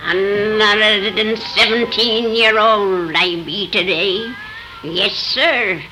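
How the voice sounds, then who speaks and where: A woman's voice: medium pitch, steady tone, sharp tone, faint music behind. A woman playing an ancient, gleefully eerie witch who tells horror tales in rustic, archaic speech on 1930s radio. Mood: gleeful, sly. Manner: archaic rustic dialect, cackling, drawn-out delivery. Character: ancient cackling witch, 117 years old, gleefully eerie storyteller. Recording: noisy 1930s radio recording.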